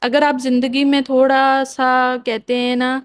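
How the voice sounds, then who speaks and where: Young woman, high voice, opinionated casual chat, mixes in english words. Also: flat delivery, smooth. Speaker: podcast guest.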